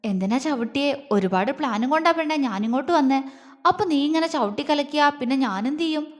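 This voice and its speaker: A woman's voice: high-pitched, lively intonation, a little fast. Woman voicing a teasing tender young husband. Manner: soft coaxing, teasing. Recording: long reverb.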